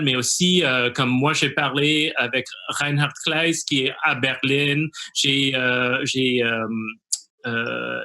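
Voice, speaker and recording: Bright-voiced man with English-accented French. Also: fairly high pitch. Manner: hesitant, searching for words, non-native grammar. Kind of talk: unscripted video talk.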